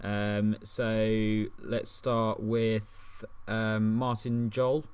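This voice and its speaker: Rambling man, low voice. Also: little pitch movement, drawn-out words, a little mellow, clear, resonant tone. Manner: rambling, lots of ums, laughs at his own stories. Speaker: podcast co-host. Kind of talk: casual comedic podcast chat.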